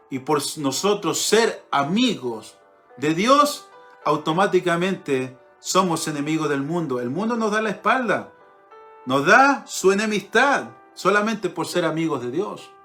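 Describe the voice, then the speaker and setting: A man's voice: high voice, sharp tone. A man preaching a sermon, earnest, repeating phrases for emphasis and reading scripture aloud.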